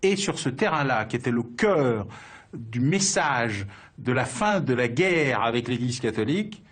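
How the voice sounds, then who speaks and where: A man's voice: mid-range voice, expressive, measured pace, fairly bright tone, husky. A man answering in a documentary interview, hesitant with frequent fillers. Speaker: interviewee, expert.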